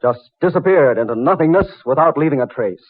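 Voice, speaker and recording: A man playing a skeptical, level-headed yacht-owning gentleman in an old-time radio drama, with a thin AM radio sound. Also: on the high side, lively intonation, fairly quick, slightly rough. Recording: tinny old AM radio recording.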